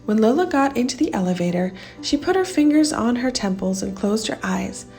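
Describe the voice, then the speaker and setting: High-voiced woman reading a children's story. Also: expressive, brisk, darkish tone. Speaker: storybook reader. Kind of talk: scripted children's story narration. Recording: music behind the voice. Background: music.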